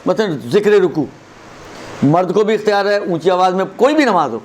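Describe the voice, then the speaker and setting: Guy with a high voice teaching a religion class, explains step by step and says verses out slow, bit of noise and cars in the background. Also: expressive. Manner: explanatory, demonstrates recitation slowly, checks in with listeners. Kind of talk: religious lesson on prayer recitation.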